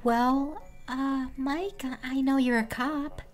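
A man's voice: very high voice, steady tone, slow, voice pushed up. A man using a voice changer to sound like a sweet, hesitant young woman, stammering through a prank call. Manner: hesitant, with many ums and stammers. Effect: voice changer making him sound like a young woman. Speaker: online creator baiting a scammer.

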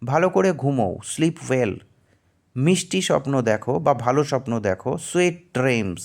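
Man reading slow bilingual phrase pairs. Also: medium pitch, very animated, darkish tone. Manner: says each Bangla phrase, then its English translation slowly. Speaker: English teacher.

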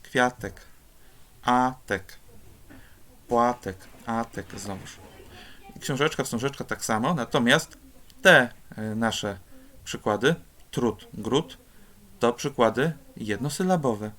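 A man's voice: medium pitch, slow pace, long pauses, pushed and bright. A man teaching a lesson on rhymes, explaining step by step in a patient way with occasional hesitations. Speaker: Polish teacher.

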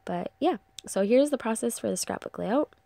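Her voice congested and stuffy, a young woman who hosts a crafting channel rambles casually through a craft tutorial voice-over with lots of ums. She sounds a little high and animated at normal speed, with vocal fry and a dark tone, and there's no echo.

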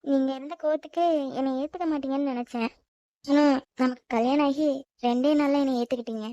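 A woman's voice: fairly even intonation, dark tone, no echo, lo-fi sound, close to an everyday voice. A woman voicing a fretful young wife. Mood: earnest. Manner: high, quick, fretful self-talk. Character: anxious young newlywed wife, fretful and pleading.

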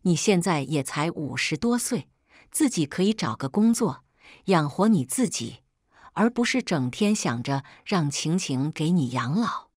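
A woman's voice: deep voice, sing-song, a little slow, dry recording, studio quality, full character voice. Woman reading a firm young fiancé. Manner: firm, frowning. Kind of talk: scripted story narration.

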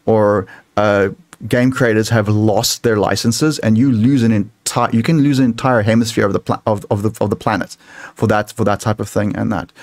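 A software developer answering audience questions on a video call, talking in halting sentences full of restarts. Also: male voice, lowish voice, no room sound. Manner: halting, many restarts and fillers. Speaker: software developer speaking at a meetup. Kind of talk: casual tech talk Q&A.

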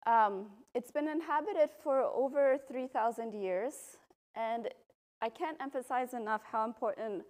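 Speaking into a podium mic in a university lecture hall, a woman volcanologist from Belgium explains her subject to the public in an easygoing way, full of ums. Her pitch is fairly high and her pace unhurried, with the camera placed far away.

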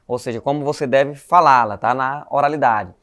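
Clear-voiced Brazilian teacher explaining letters. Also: male voice, medium pitch, a bit bright. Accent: Brazilian Portuguese. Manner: explanatory, frequent "né?" and "tá?" tags; calls students "galerinha", spells letters slowly. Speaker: Spanish teacher. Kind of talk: recorded online class for schoolchildren.

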